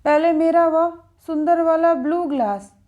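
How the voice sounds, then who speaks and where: Woman voicing a six-year-old girl, pouty, insistent, very high voice, storybook child. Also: unhurried, narrow, tinny audio. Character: little girl, six, sulky and demanding.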